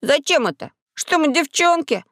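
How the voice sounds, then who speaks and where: A woman's voice: high-pitched, big pitch swings, brisk, a bit bright, dry recording, studio quality, voice pushed up, heavily acted. Woman doing a timid curious boy. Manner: wondering, unsure.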